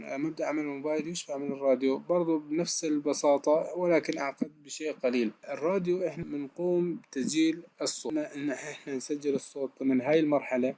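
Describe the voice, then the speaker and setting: With a slightly high voice, vocal fry and a dark tone, a male lecturer walks through a recorded technical lesson step by step. He poses questions and answers them himself, frequently hesitating.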